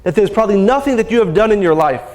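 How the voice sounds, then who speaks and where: A man's voice: high-pitched, lively intonation, very fast, a little mellow. A man voicing an old Kabbalist sage in a retold story, solemn and reassuring.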